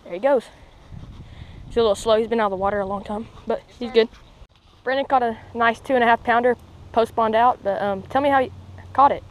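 A young man giving excited, rambling commentary outdoors by a pond, full of fillers and restarts. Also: very high voice, a little fast, long pauses, a little hiss or hum, rough recording. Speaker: fishing vlogger.

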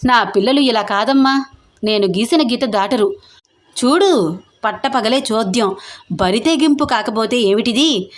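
Woman playing a shrill, sneering aunt. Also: normal speed, natural voice. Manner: sharp, sneering complaining. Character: scheming shrill middle-aged woman, jealous.

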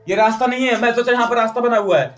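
A man giving jokey, excitable commentary over a mobile adventure game, yelping and protesting whenever his character dies. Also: very high-pitched, rapid-fire, faint music behind. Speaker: gaming YouTuber. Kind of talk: Hindi gameplay commentary.

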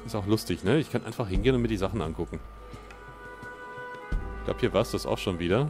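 A man giving casual, joking commentary on a let's play, thinking out loud as he plays. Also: fairly low pitch, quick pace, over music.

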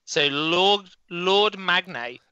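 A man's voice: high voice, lively intonation, drawn-out words, bright, forceful tone, smooth, no echo, lo-fi sound. A man co-hosting a casual gaming podcast, teasing and dry.

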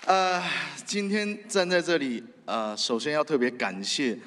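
On a large theatre stage at an awards ceremony, a radio host with a Taiwanese Mandarin accent gives an earnest, halting acceptance speech, partly reading from his phone, close to a stand microphone. His voice is a little high, sing-song, and a bit bright, with big hall reverb over the PA and a faint crowd.

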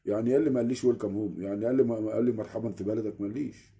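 Fast-talking gravelly Egyptian man. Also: on the low side. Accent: Egyptian Arabic. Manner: animated, keeps asking the listener "you get it?". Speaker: vlogger. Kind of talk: casual storytelling rant. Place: small room at home.

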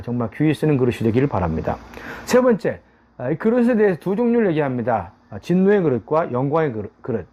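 A man teaching a daily Bible study in an earnest preaching manner, often pausing on a drawn-out "ah". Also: medium pitch, darkish tone.

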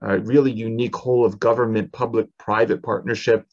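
Speaking a little fast with little pitch movement, this forties-aged host has a fairly low, slightly mellow voice. He reads a lengthy guest intro full of "uh"s through a video-call headset in his home office, with the highs cut off.

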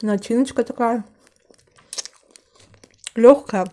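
A young woman talks through mouthfuls of food in a casual home eating vlog, her words muffled as she chews. Her voice sits a little high but has a soft, mellow tone. She drifts into relaxed, slangy chatter between bites. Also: slow pace. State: talking with mouth full. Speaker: mukbang vlogger. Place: room at home.

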